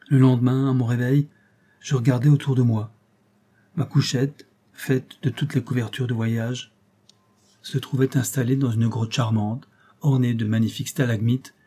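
Husky-voiced man narrating an audiobook. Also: mid-range voice, mellow. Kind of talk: scripted literary narration.

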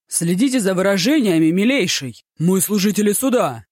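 A narrator voicing a blunt, gruff male court officer. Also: medium pitch, lively intonation, normal speed, a little mellow, no room sound, clean studio sound, close to an everyday voice.

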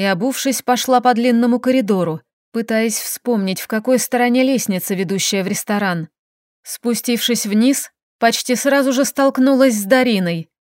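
A woman's voice: on the high side, dry recording, studio quality. Woman narrating an audiobook. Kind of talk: first-person audiobook narration.

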